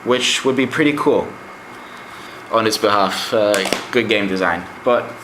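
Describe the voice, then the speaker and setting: A young Greek-speaking man rambles casually through a review of his game collection, his low, unhurried voice full of fillers. The room echoes and there's background noise.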